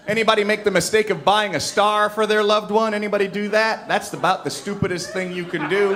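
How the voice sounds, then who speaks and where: A man's voice: high voice, fairly bright tone. A man doing a stand-up comedy set on a club stage, brash and teasing the crowd. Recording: live club, crowd laughter. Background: audience laughing.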